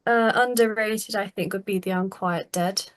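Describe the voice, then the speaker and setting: A woman guesting on a podcast, chatting in a relaxed way, often saying "like". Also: medium pitch, moderate pace. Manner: relaxed, peppered with "like". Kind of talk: casual chat.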